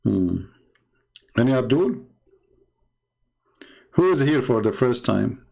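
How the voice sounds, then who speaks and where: A Middle Eastern man whose native language is Arabic, and who speaks with an Arabic accent, hosts a casual live stream as a religious apologist. His medium-pitched voice is creaky and darkish, very animated yet slow, and he mocks sarcastically, repeating phrases for emphasis.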